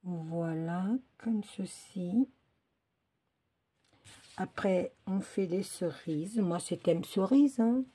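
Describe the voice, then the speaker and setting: A woman from France chats her way through a home crafting tutorial, her voice lowish and mellow. She talks slowly and rambles, with plenty of fillers and half-finished restarts, as if muttering to herself over the work table. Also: slightly rough. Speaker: crafting video host. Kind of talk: casual crafting tutorial chat. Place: home, indoors. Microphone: phone or camera filming her work table.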